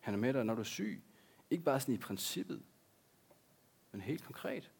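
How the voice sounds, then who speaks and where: A man's voice: mid-range voice, animated, creaky, slightly rough. A man, a pastor, preaching a sermon in an earnest way, repeating key words for emphasis.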